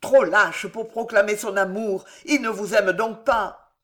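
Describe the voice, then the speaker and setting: Guy doing a desperate young nobleman, loud and intense, storybook reading. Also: sits high, lively intonation, measured pace. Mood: passionate. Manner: intense, forceful declamation.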